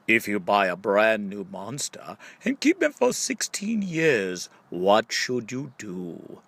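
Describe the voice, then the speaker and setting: A male audiobook reader works through a scripted riddle book, laying out each question and lingering over the punchline in a question-and-answer manner. His voice is on the low side, gravelly and a bit bright.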